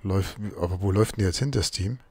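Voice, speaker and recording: Let's play host, husky low voice, chatty self-talk, keyboard clicks behind. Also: male voice, quick pace, dry recording. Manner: muttering to himself while crafting. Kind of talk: casual gameplay commentary.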